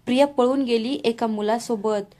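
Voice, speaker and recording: A woman voicing a shaken middle-aged father who speaks haltingly in a storybook reading. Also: a little high, fairly even intonation, dark tone, natural voice.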